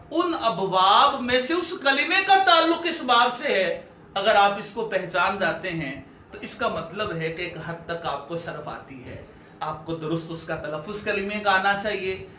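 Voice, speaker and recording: A man's voice: high-pitched, sharp tone, roomy sound, slight background noise. A man teaching Arabic grammar in an online class, explaining step by step and speaking straight to his students. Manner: explanatory, addresses students directly.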